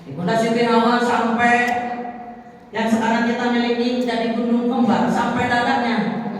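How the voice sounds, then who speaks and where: A woman preacher giving a sermon with animated storytelling, calling out questions to the audience and singing verses. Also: fairly high pitch, normal speed, slight background noise. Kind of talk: sermon to a women's study group. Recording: echoey hall, distant mic.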